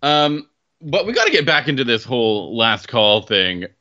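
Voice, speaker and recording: A man's voice: medium pitch, sing-song, moderate pace, sharp tone, dull audio. A man co-hosting a podcast, chatting casually and asking questions while searching for words. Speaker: podcast co-host.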